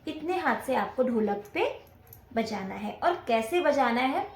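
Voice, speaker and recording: A woman's voice: on the high side, animated, measured pace, echoey room. A woman teaching dholak to beginners, explaining patiently step by step and counting the beats aloud as she plays. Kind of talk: casual music lesson. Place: indoor room with dholak drum playing.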